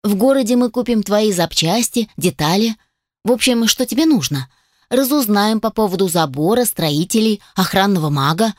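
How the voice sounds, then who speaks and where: A woman's voice: mid-range voice, lively intonation, normal speed, no room sound, clean studio sound, close to an everyday voice. Woman playing a feisty sarcastic young heroine. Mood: coaxing. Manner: raised pleading, snappy voice.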